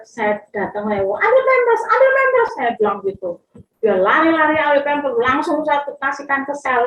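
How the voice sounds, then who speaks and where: A woman's voice: on the high side, a bit bright, roomy sound, muffled recording. A middle-aged woman telling a personal testimony with emotion, often addressing listeners directly. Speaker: testimony speaker.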